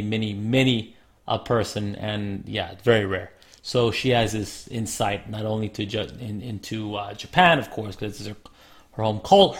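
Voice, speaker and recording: Hoarse man chatting casually. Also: fairly low pitch, fairly bright tone. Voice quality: slightly rough, smoker-like. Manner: rambling, self-correcting. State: hoarse from a sore throat. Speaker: podcast co-host. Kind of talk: casual chat.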